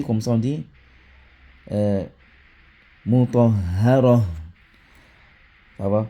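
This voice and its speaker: A man teaching Quran recitation, chanting example words slowly and often checking in with the listener. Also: on the low side, warm tone, breathy edge. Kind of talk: teaching lesson.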